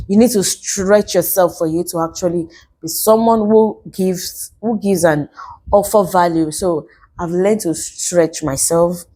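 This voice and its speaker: Female vlogger, thirties, lower register and very mellow tone, devout testimony, restates phrases for emphasis. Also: a little slow. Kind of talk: personal testimony vlog to camera.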